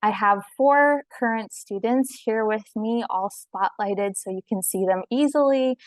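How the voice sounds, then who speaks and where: A young woman hosts a student panel over a video call, explaining things in an organized way. Her mid-range voice is unhurried, and the video call microphone gives a dry recording with poor audio.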